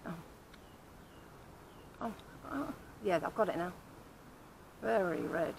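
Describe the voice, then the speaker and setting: A woman's voice: fairly low pitch, lively intonation, takes it slowly, gravelly, a little mellow. A woman chatting outdoors at an allotment garden, heard from a little distance off the camera. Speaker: vlogger's wife. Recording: distant voice with outdoor background noise.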